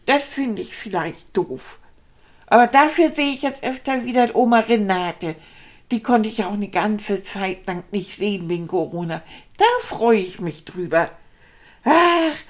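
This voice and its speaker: Eine Frau spricht eine plappernde, angeberische männliche Stoffratte, ein Erstklässler, die aufgeregt und mit großen Sprüngen in Tonhöhe und Lautstärke erzählt. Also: female voice. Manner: excitable, chatty, big swings in pitch and loudness. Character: chatty boastful male stuffed toy rat, first-grader. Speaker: puppet show host. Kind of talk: children's puppet show.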